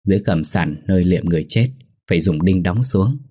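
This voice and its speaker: A man's voice: sits low, fairly quick, mellow, breathy edge. A man voicing a stern old village ritual master who gives commanding instructions. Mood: instructive.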